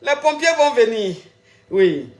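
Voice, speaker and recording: Playful, high-pitched woman hosting a call-in livestream. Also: big pitch swings, takes it slowly, a little mellow, reverberant. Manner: playful, repetitive, teasing callers. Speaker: live call-in show host. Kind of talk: casual live-stream chat with callers.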